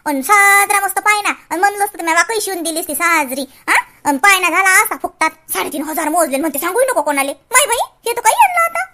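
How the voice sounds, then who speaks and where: A rambling old village grandmother speaking in a very high, bright, piercing voice. She lectures and grumbles in a sing-song way, full of sighing exclamations. It is a comic sketch. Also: fast talker, hardly any pauses, a little hiss or hum. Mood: indignant. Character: chatty, self-pitying old village grandmother.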